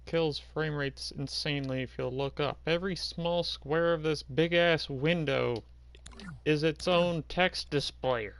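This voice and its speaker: A man's voice: fairly high pitch, unhurried, clear, resonant tone. A man giving casual stream commentary while working on a game, dry and sarcastic, swearing as he goes.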